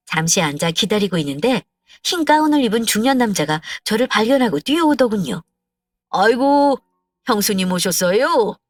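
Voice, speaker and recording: A woman's voice: mid-range voice, dry recording, clean studio sound, far from the mic. Woman narrating a heartfelt story. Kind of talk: first-person story narration.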